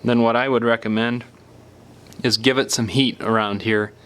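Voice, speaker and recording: Against slight background noise, a man with a steady, mid-range, fairly bright voice talks at normal speed through a hands-on repair tutorial. He explains each step casually and off the cuff, sometimes dropping a phrase partway through.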